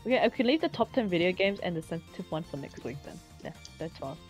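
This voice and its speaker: A woman hosting a casual podcast chat, excitable and laughing often. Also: lowish voice, fast, soft background music, rough recording. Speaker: podcast host.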